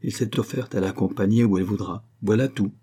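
A man's voice: fairly low pitch, fast, warm tone, slightly rough. A man reading the part of a bold young man, speaking up earnestly and indignantly.

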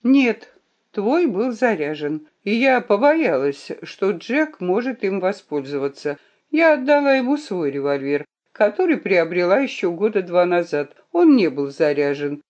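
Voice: medium pitch, very animated, unhurried, a little mellow, highs cut off. A reader voicing a tearful, indignant young woman in an audiobook, with upset, trembling pleas. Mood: anxious. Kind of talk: audiobook reading.

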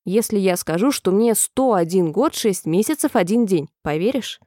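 A woman's voice: mid-range voice, moderate pace, no echo, studio quality, close to an everyday voice. A woman reading a storybook, voicing a fretful, whimpering old queen who breaks into squealing cries. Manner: wailing, squealing cries, then oddly calm.

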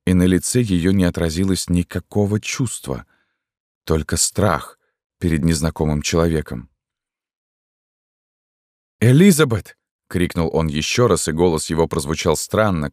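A man with a very deep voice narrates a story in a steady, even pace. The recording is dry and close, with no room sound. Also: moderate pace, dry recording. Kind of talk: audiobook narration.

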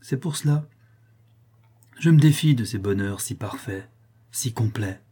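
An aristocratic marquis, overflowing with emotion and talking familiarly to his old valet, as a man reading the story puts him on. The tone is dark and husky, with an effusive, heartfelt manner. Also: medium pitch, expressive, measured pace. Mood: uneasy joy.

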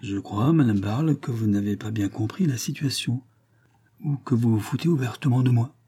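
A man's voice: mid-range voice, moderate pace, dark tone, breathy edge, natural voice. A man reading a tough police commissioner in an audiobook, speaking in a cutting, commanding tone. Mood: curt.

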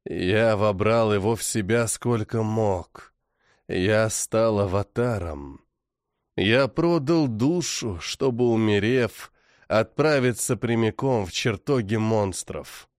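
A man voicing a dying male warrior who talks calmly and weakly in an audiobook. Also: medium pitch, a little slow, few pauses, dry recording, clean studio sound, close to an everyday voice. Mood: resigned. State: weak, whispering. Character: dying male chaos warrior, calm and resigned.

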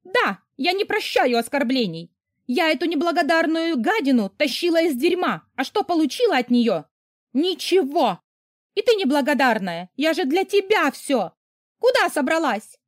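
A woman's voice: fairly low pitch, lively intonation, moderate pace, no echo, clean studio sound, natural voice. A woman voicing a spiteful scheming mother. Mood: screeching. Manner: cold, contemptuous, bitter.

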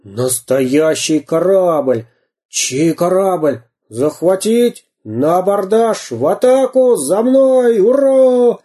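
Brief: man reading as a bellowing pirate captain, raised husky voice. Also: sits high, animated, slow pace, voice pushed up, exaggerated voice. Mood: boisterous. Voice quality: bellowing, shouty. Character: boisterous bearded male pirate captain, boastful and loud.

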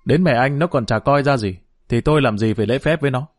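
A menacing, bitter ex-convict, played by a male narrator, growling threats in a low, hard voice. His delivery is steady and close to the narrator's own pitch. The sound is dry and close. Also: fast, dry recording, close to an everyday voice. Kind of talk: dramatized story reading.

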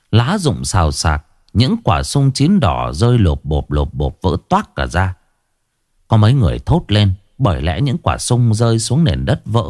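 A man narrating a ghost story in a dramatic, expressive reading. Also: on the low side, no echo, studio quality.

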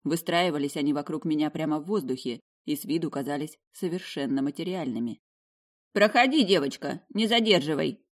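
A woman reading a first-person fantasy novel aloud with wry, lively storytelling. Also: low voice. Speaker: audiobook narrator.

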